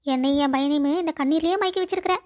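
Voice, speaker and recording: A very high, piercing voice belongs to a nagging old mother-in-law in a cartoon story, acted by a woman. She keeps scolding her daughter-in-law and accusing her of things. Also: rapid-fire, darkish tone, natural voice. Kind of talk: cartoon voice acting.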